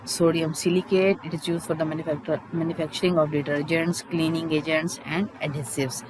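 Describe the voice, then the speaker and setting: Halting teacher, noisy recording. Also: medium pitch, flat delivery. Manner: halting, explanatory, repeats key terms. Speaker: chemistry teacher. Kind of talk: school lesson, reading and explaining textbook points.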